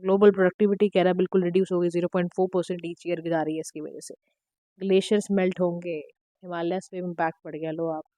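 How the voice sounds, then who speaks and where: Slightly hoarse woman teaching. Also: lowish voice, level tone, fast talker, mellow, no room sound. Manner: direct, instructive, mixing Hindi and English. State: slightly hoarse throat, clearing it. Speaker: current affairs teacher. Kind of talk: exam-prep lecture.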